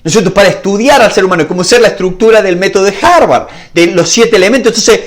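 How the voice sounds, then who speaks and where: High-voiced argentine guy coaching on negotiation, loose chatty talk. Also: fast, slight background noise. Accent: Rioplatense Spanish. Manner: chatty, acts out quoted dialogue. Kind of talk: casual video talk to viewers.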